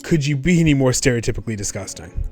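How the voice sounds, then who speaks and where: Male gaming host: casual, sweary, mid-pitched, highly animated, wry commentary. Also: fast. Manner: sarcastic, joking, sweary. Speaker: let's play host. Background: game music.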